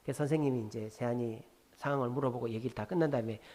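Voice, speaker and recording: A man's voice: mid-range voice, racing. A man preaching a sermon at a Friday prayer meeting, telling a story and questioning the congregation directly. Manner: storytelling, acts out quoted dialogue in a softer voice. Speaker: pastor.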